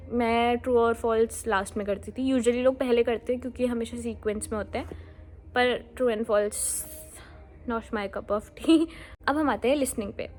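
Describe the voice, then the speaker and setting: A woman giving casual, friendly exam-prep advice straight to viewers, mixing English words into her talk. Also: on the high side. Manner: mixes Hindi with English words, friendly and direct.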